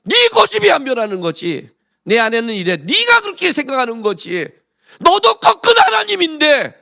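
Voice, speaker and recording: A man preaching a sermon as pastor, swinging between hushed asides and loud emphatic exclamations and putting rhetorical questions to the congregation. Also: extremely high pitch, huge pitch swings, brisk, vocal fry. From Korea.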